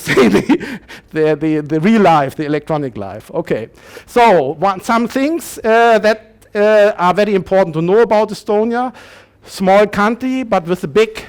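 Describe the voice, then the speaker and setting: A man around sixty lectures in English with a slightly raised pitch. He speaks haltingly, pausing on fillers and restarting his phrases as he explains. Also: darkish tone. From Germany. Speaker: university lecturer. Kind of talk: conference lecture.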